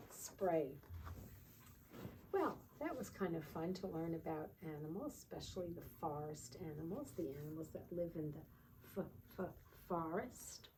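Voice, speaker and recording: A woman teacher with a lowish voice leads storytime for young children, explaining gently and often checking in with little questions. She is recorded on a distant mic with faint background noise.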